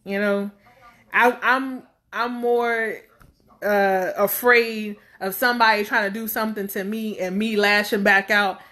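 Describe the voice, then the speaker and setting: Talking to camera in a vlog, a woman in her thirties rambles freely and speaks her mind bluntly, leaning on plenty of fillers. She has a medium-pitched, pushed, bright voice, fairly even in intonation, and keeps a measured pace.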